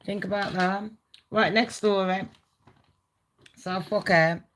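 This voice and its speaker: A woman's voice: medium pitch, steady tone, takes it slowly, fairly bright tone, slight background noise. A woman hosting a live celebrity gossip stream, casual, blunt and sweary, talking straight to her viewers. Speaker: gossip channel host.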